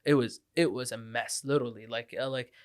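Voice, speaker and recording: A man's voice: mid-range voice, fairly even intonation, brisk. A man from the Middle East hosting a casual podcast, talkative, with frequent laughs and restarts. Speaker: podcast host.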